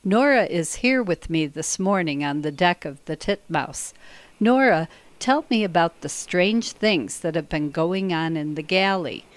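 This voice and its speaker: A woman's voice: lowish voice, expressive, unhurried. Woman reading a mock news report. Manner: crisp, scripted news delivery. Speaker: radio show host.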